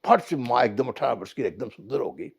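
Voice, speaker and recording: A man telling a folk parable in casual, animated storytelling talk. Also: medium pitch, brisk, gravelly, husky. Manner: animated folk-tale narration. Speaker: vlogger.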